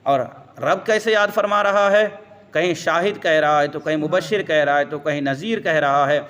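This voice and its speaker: A man's voice: fairly high pitch, fairly bright tone, long reverb tail. A man giving a religious lesson who explains step by step, quotes Arabic verses and answers his own questions. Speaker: religious teacher.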